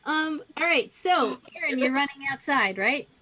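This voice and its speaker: A woman narrating casually as dungeon master, relaxed and halting, with many fillers. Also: high voice, low-quality recording.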